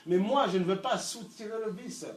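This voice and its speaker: A middle-aged man preaching a sermon, swinging from loud shouts to low murmurs and repeating words as he searches for them. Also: moderate pace. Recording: echoey room, mic from far off, faint ambience.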